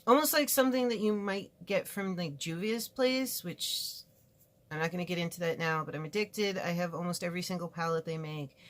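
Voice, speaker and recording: Briskly and in a lowish voice, a Californian beauty vlogger chats about makeup in her home studio. The review is casual, frank and rambling, peppered with asides.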